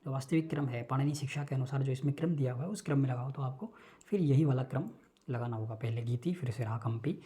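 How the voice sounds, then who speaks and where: A man giving an online lecture, explaining each term slowly with many repetitions and check-ins. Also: medium pitch, warm tone. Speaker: Sanskrit teacher.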